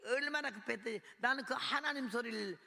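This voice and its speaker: Woman preacher, gravelly voice, dramatic sermon storytelling, echoing hall. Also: on the high side, fairly quick, pushed and bright. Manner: dramatic storytelling, acting out her own cries and prayers. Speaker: missionary preacher. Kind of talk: sermon testimony. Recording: reverberant hall sound.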